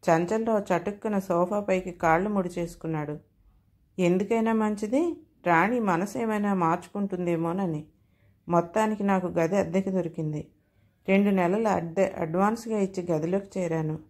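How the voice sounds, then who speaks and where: A woman narrating a comic audio story in a lively first-person storytelling manner. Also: medium pitch.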